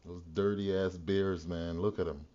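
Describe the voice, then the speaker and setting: A man's voice: low-pitched, fairly even intonation, moderate pace, dark tone. A man working as a stock trader streamer, commenting live in casual, slangy talk full of swearing. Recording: muffled, lo-fi stream audio.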